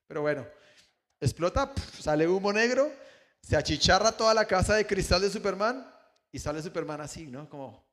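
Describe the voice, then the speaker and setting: A man preaching a sermon as pastor, retelling stories and acting out the dialogue in lively voices. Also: high voice, normal speed. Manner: animated storytelling with acted-out dialogue.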